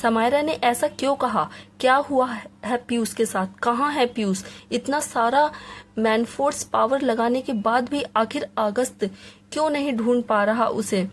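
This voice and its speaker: A woman reads a serialized romance aloud as an audiobook narrator, dramatic and expressive throughout. Her voice sits fairly high for a woman, and a faint hiss runs under the recording. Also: a little slow. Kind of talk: scripted story narration.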